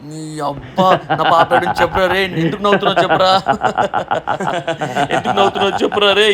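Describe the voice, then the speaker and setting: Guy playing a young dad in a home web drama, talks fast, kinda high voice, yelling then gentle with his kid. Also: close to an everyday voice. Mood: furious. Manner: shouting, heated threats, then tender coaxing. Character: frantic, loving young father searching for his daughter. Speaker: father in a family web drama. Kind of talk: amateur family drama acting.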